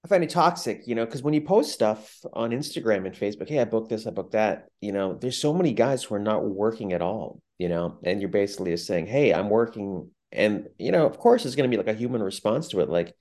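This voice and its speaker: A man's voice: lowish voice, very animated, quick pace, hardly any pauses, a little mellow. A man in casual podcast chat, telling stories candidly and animatedly.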